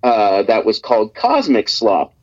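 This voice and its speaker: A man's voice: lowish voice, huge pitch swings, measured pace, darkish tone. A man from Nebraska on speakerphone, guesting on a radio show in an easygoing, rambling chat full of fillers and restarts. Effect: heard over speakerphone. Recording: dull, muffled speakerphone line.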